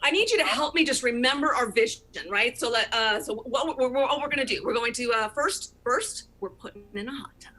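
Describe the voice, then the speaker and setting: A woman's voice: on the high side, a little fast, hardly any pauses, bright, forceful tone, poor audio. A woman playing an eager, fussy housemate in an improv comedy scene, hesitant and full of fillers.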